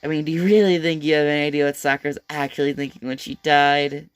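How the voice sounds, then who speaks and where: A man's voice: fairly high pitch, little pitch movement, clean tone, natural voice. A man voicing a gleeful, mocking male bear mastermind in a manga read-aloud, sneering and drawing out his words. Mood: taunting. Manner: taunting, drawn-out sneering.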